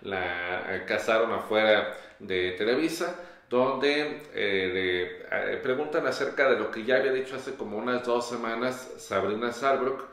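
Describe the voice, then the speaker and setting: A young man co-hosting a gossip show, explaining in a measured way with "eh" fillers in a small studio. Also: medium pitch, a bit bright. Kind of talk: casual gossip chat. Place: small studio on a pink sofa. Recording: roomy echo.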